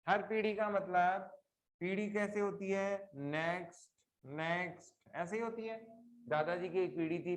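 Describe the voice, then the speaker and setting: A middle-aged man teaching a live online class, explaining slowly with repeated examples and putting questions to his students. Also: fairly high pitch.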